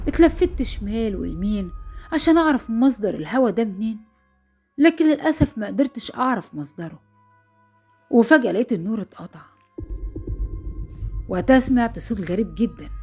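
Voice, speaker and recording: A woman's voice: fairly high pitch, warm tone. A young woman with an Egyptian Arabic accent narrating a first-person horror story, breathless and fearful.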